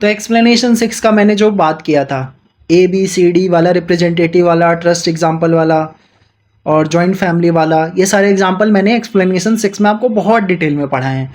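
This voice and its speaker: A man giving a law lecture. He reads English legal text out slowly and explains it quickly in Hindi mixed with English terms. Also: high-pitched, darkish tone. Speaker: law teacher.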